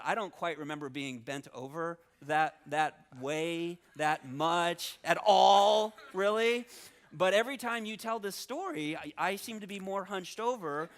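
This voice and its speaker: Teasing man, slightly higher voice. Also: fairly bright tone. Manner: teasing, joking banter. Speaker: seminar co-presenter. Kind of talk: live talk on stage. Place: stage at a live seminar.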